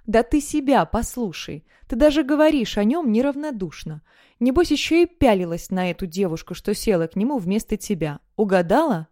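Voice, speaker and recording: A woman's voice: on the high side, big pitch swings, brisk, dark tone, no echo, clean studio sound. A woman reading the lines of a teasing, nosy teenage girlfriend in an audiobook.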